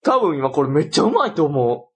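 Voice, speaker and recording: Husky Kansai man, teasing. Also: fairly high pitch, very animated, a little fast. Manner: teasing, laughs often, reads letters aloud. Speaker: podcast co-host reading listener mail. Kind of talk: casual chat.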